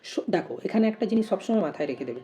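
Mellow-voiced woman teaching a lesson. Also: medium pitch, lively intonation, fast talker. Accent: Bengali. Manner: explains step by step with rhetorical questions. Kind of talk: exam-prep lesson.

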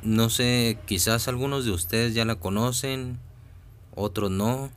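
A man talking casually over a phone screen recording, slow and hesitant with many fillers and restarts. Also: medium pitch. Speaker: vlogger walking through a website.

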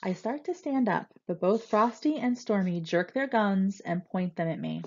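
A woman reading a first-person novel aloud with steady, expressive storytelling. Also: medium pitch, normal speed, lo-fi sound. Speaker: reader.

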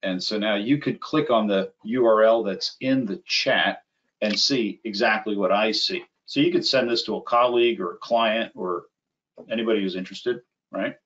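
Here a webinar presenter, a middle-aged applications engineer, demonstrates software live in a low voice with a fairly bright tone. His pace is unhurried and chatty as he explains step by step from a small room at a computer, and the webinar recording comes across slightly dull and band-limited.

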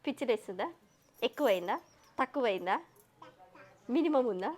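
A woman's voice: on the high side, expressive, normal speed, a little mellow. A woman, playfully calling out guesses in a casual family game. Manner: playful, repeats guesses aloud, laughs. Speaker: vlog host, guessing player.

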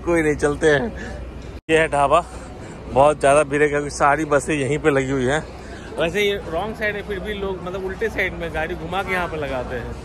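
A middle-aged male vlogger chats casually while filming a travel vlog on a phone held at arm's length, narrating as he moves. His voice sits on the high side and runs a little fast. Crowd noise and outdoor traffic fill the recording, made on a bus and at a roadside dhaba and highway halt, outdoors at night and dawn.

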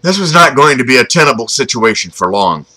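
A man's voice: mid-range voice, sing-song, a little fast, bright, forceful tone, rough recording. A man reading his own story aloud, chatty and informal, breaking off for asides and jokes to the listener. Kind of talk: storytelling narration.

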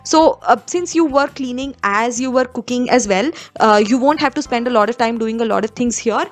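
A woman's voice: fairly high pitch, moderate pace. A young woman from India giving kitchen cleaning tips in a conversational voice-over, with frequent fillers and restarts. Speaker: home vlogger.

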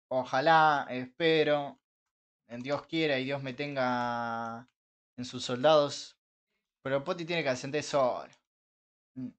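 A young man with an Argentine Rioplatense accent, chatting casually with his live-stream viewers while gaming, joking, swearing and breaking into frustrated shouts. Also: fairly high pitch. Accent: Argentine Rioplatense Spanish. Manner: banters with chat, swears, bursts into frustrated shouts.

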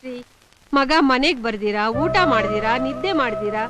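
A woman's voice: fairly high pitch, moderate pace, close to an everyday voice. An actress playing a doting middle-aged mother who pleads on behalf of her son. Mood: pleading. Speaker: the hero's mother. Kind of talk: Kannada film dialogue.

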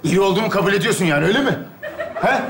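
A man performing live sketch comedy on stage, loud, indignant and overdramatic. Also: sits high, lively intonation, rapid-fire, very noisy. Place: theater stage before a live audience. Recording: echoey theater stage with audience.

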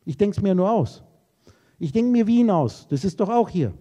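This is a man lecturing to a live audience, his voice pitched high yet dark and mellow in tone. He rambles through associative wordplay and speaks to his listeners directly and casually. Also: expressive, normal speed, muffled recording. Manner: addresses listeners directly and informally. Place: lecture room.

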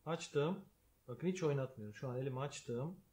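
A man giving a slow, patient piano lesson, calling out note names as he plays. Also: medium pitch, a little mellow. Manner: calls out note names while playing, explains patiently. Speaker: piano teacher. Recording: piano music under the voice. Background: piano playing.

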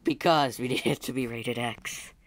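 A man's voice: medium pitch, fairly even intonation, normal speed, a bit bright. A man casually commentating a game for viewers, explaining what happens, on a noisy home recording. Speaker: gaming commentator. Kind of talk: casual let's-play commentary.

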